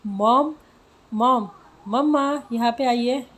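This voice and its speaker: A woman voicing a lively, playful teenage girl who talks loudly and dramatically in a Hindi storytelling. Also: medium pitch, a little slow, close to an everyday voice. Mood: excited.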